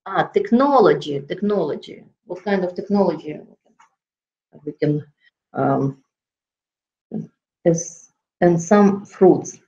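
Over a dull, lo-fi video call from her laptop webcam, a middle-aged woman with a Russian accent gives a guest lecture in an office hung with framed certificates. Her voice is on the low side, mellow and animated, though she halts a lot, reaching for words with many fillers.

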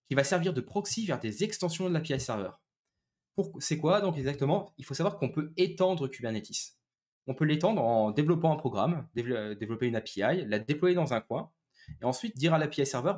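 Using a headset on a video call from a small indoor room, a man gives an informal technical presentation, walking through things step by step with frequent hesitations. His voice is fairly high-pitched and a little mellow.

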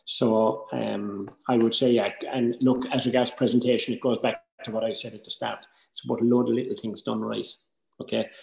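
An older Irish man tutors a workshop over a video call from home, his voice lowish, dark and fry-tinged. He gives informal advice and keeps checking in with short tags, and the call sounds roomy and echoey.

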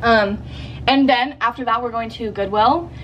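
A young adult woman vlogs to a handheld camera, first in a hotel room and then in a parked car, chatting casually and upbeat with lots of filler words. Her voice is a little high and her pace moderate, while the audio is dull with a faint hiss or hum.

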